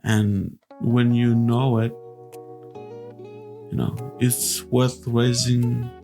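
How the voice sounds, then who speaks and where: A man from Zimbabwe hosting a podcast, talking in a slow, earnest and reflective way with restarts. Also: mid-range voice, level tone, vocal fry, over music. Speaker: podcast host.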